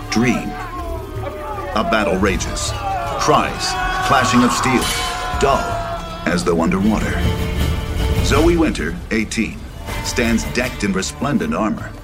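Low-voiced man narrating a screenplay over music. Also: expressive, slow pace, long pauses. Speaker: narrator reading stage directions.

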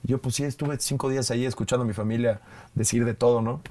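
A young man speaks with a clipped Yucatecan accent in his voice, chatting easily as a guest. His pitch sits in the middle for a man. He tells stories in a relaxed way, often restarting his sentences. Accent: Yucatecan Spanish. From Yucatán, Mexico. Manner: relaxed, storytelling with quick restarts. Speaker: guest, video creator. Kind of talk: casual conversation.

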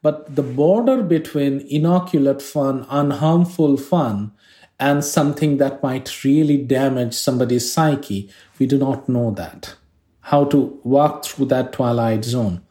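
A man from Kolkata speaks with a Bengali accent, his voice warm and darkly mellow. He answers interview questions in a measured, reflective way, with the odd halting restart. The recording carries a noticeable roomy echo. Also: medium pitch. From India, Kolkata. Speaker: interviewee, scientist.

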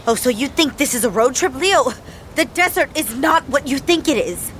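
A middle-aged woman playing a defiant, protective mother on the run in an audio drama, blunt and sharp-tongued. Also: high-pitched, lively intonation, moderate pace, a little hiss or hum. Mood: stern, worried. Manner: blunt, swearing.

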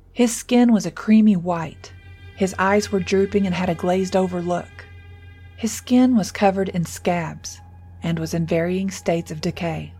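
Husky low-voiced woman narrating horror. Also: dark tone. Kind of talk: scripted horror story narration.

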